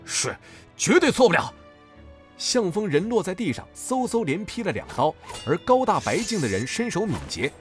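A man narrating a martial story dramatically, rising in the action scenes. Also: on the high side.

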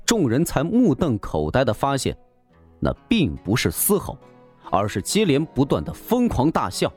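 Theatrical male audiobook narrator. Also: medium pitch. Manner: theatrical, suspenseful storytelling.

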